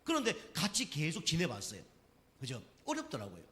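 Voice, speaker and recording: His fairly high voice swoops wildly in pitch, runs a little fast, and sounds pushed and bright, trailing long reverb through the church sanctuary. As a pastor delivering a sermon, he keeps questioning the congregation and checking with "right?"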